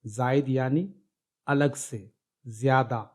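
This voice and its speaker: A man giving a step-by-step Arabic grammar lesson, slowly drilling syllables one at a time. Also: mid-range voice, fairly even intonation, darkish tone. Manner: slow, drawn-out syllable drills. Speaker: Arabic teacher.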